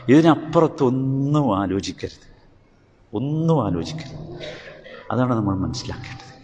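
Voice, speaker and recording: A male preacher giving a sermon, asking rhetorical questions and swinging between emphatic highs and quiet lows. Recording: hall reverb with faint ambient noise.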